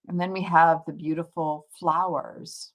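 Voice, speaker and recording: A woman speaks in a low, fairly flat voice without hurrying. She's a tarot reader hosting a casual livestream, chatting reflectively with viewers and rephrasing her points as she explains them.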